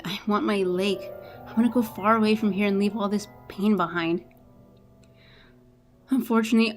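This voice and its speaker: Playful woman reading a game aloud. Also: mid-range voice. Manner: playful, laughing between lines. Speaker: streamer playing a visual novel. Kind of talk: casual let's-play, reading narration aloud.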